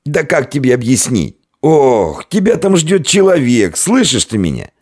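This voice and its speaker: A man voicing a sly, stocky innkeeper who pleads and frets in a flustered, higher voice in a storybook reading. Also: expressive, moderate pace, creaky, breathy edge, dry recording, studio quality, full character voice. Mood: frightened.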